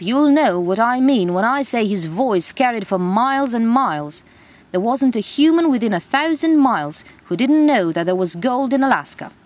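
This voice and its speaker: A woman telling a children's story in an animated, expressive way. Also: medium pitch.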